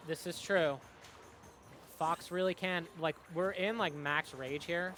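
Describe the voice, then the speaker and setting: A young man doing live play-by-play commentary on a fighting game tournament, excitable, with lots of fillers and quick reactions. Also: on the high side, a little hiss or hum. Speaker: esports commentator. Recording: music playing behind.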